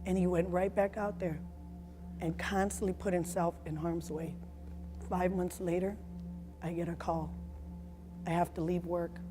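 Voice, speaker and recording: A woman in her forties giving a personal testimony as a mother, speaking in an earnest, emotional, halting way. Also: fairly low pitch.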